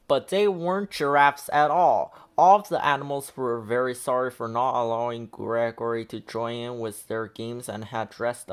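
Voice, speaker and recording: This is a man reading a picture book for kids, his mid-range voice measured and expressive as he tells the tale.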